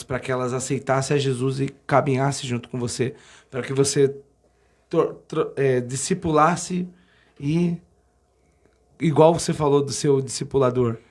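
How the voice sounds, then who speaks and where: A man's voice: medium pitch, darkish tone. Guy hosting a church podcast, earnest and thoughtful, trips over words a bit. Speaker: podcast host, church musician. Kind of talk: casual podcast conversation. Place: podcast studio.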